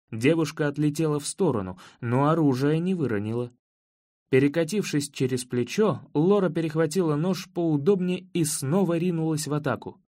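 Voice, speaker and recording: A man reading a first-person story as an audiobook narrator, in measured, evenly paced storytelling. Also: fairly high pitch, a little mellow, no echo, studio quality.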